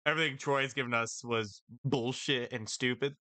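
A man's voice: mid-range voice, steady tone, moderate pace, bright, forceful tone, no room sound. A man in his twenties, streaming and joking about the game as he plays, on a headset mic. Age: 20s. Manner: reactive, joking. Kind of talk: gameplay commentary.

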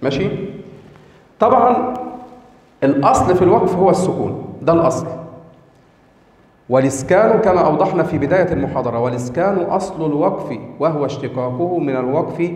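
An Egyptian man with an Egyptian Arabic accent lecturing on Quran recitation rules, explaining step by step, slowing down to pronounce examples and checking understanding with short questions. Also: a little high, expressive, a little mellow. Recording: echoey room with long reverb.

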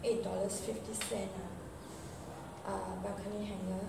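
A middle-aged Singaporean woman chats casually and unscripted in her home vlog, speaking haltingly, rambling and repeating "okay." Her mid-range voice is gravelly and level, recorded on a handheld or propped phone or tablet at varying distance. The noisy, echoey amateur audio comes from a bare-walled flat and a semi-open balcony corridor.

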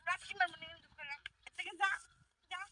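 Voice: extremely high pitch, steady tone, fast talker, bright, forceful tone, voice pushed up, exaggerated voice. A performer voicing a cranky, hungry, rude young stray girl who snaps and whines. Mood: cranky, sleepy. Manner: snappy, whiny, dismissive.

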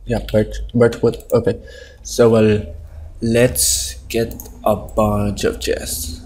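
A man with a lowish voice thinks aloud at a slow, unhurried pace as he plays, rambling and swearing freely. His audio is a low-quality stream through a webcam mic at his home computer. A faint hiss sits under it. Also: monotone, a little mellow. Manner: rambling and profane, thinking aloud while playing. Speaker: Minecraft let's-play streamer. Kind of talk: casual gameplay commentary. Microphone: webcam microphone.

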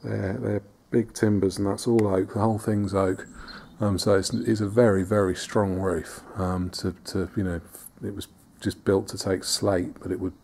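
Filming by hand outside and then in a barn, a man restoring a farmhouse leads a relaxed tour for his vlog, pausing with filler words and starting sentences over. The pitch is fairly low, creaky, with a breathy edge.

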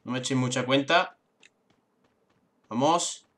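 Young male gaming YouTuber, bright tense tone, repeats words in frantic bursts. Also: mid-range voice. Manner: excitable, swears, repeats words rapidly. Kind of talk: live gameplay commentary.

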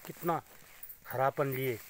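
A middle-aged man walks through a small polyhouse greenhouse, filming himself on a phone held at arm's length. His voice sits at an ordinary pitch, and he explains each crop plainly to the viewers. Faint outdoor sounds and animals can be heard behind him. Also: steady tone, slow pace, slight background noise. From Uttarakhand, India. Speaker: organic farmer. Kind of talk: casual farm tour vlog. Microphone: phone camera held at arm's length.

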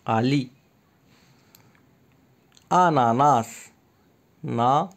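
A man teaching a workbook lesson to young pupils. He reads each word twice, slowly and clearly, then explains the instructions again in Arabic. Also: mid-range voice.

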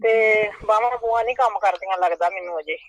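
An anxious aunt, played by a woman, rattles off hospital news fast and in a rambling way. The voice is fairly low for a woman and sounds dry and close. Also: no room sound, lightly acted, rough recording. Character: worried aunt reporting from hospital. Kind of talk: amateur family drama acting.

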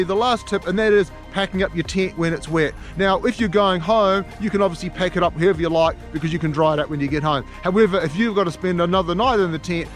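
Speaking on the high side, this man hosts an outdoor channel and films an instructional vlog with the camera at arm's length. Beside his tent in a mountain meadow, he looks into the lens and shares camping advice in an upbeat, encouraging way.

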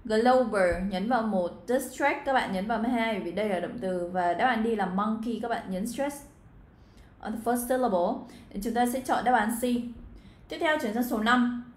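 An exam walkthrough is delivered by a Vietnamese woman teaching English, her voice a little high and her pace moderate in an echoey room. She chats with her students directly, leaning on frequent fillers.

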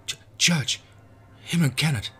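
A man's voice: fairly high pitch, a little slow, bright, forceful tone, faint music behind, pitched above the performer's own voice. A man voicing a terrified teenage outlaw boy in a western horror story, stammering and pleading. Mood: panicked stammering.

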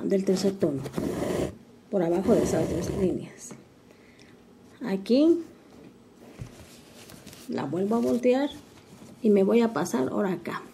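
An older woman talks through a craft tutorial. Her voice is soft and warm, never sharp. She narrates each stitch calmly and patiently, with a faint hum of the room behind her. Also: mid-range voice, slow pace, long pauses. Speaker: embroidery teacher.

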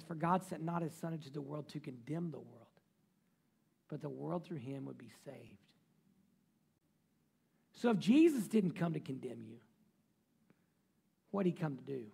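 A male pastor preaching a sermon in church, reading scripture and swinging between loud emphatic passages and quiet, low asides. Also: gravelly, breathy edge. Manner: reads scripture aloud and breaks off into joking remarks. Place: church sanctuary.

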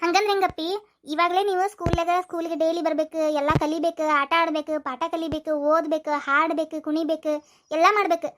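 A woman's voice: very high-pitched, flat delivery, a bit bright. A woman voicing a strict but kind young schoolteacher who coaxes and scolds in a North Karnataka Kannada accent. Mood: coaxing. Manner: coaxing then scolding, rapid and talky. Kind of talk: cartoon voice acting.

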